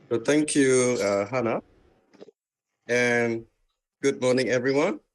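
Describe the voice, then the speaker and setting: A guest speaker from Myanmar whose first language is Karen gives a webinar presentation over a video call, with slight background noise. He has a mid-range voice and speaks slowly and hesitantly, with many fillers and restarts.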